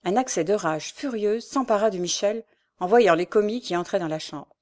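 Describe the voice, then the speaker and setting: A woman narrating a classic novel as an audiobook, measured and even. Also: medium pitch.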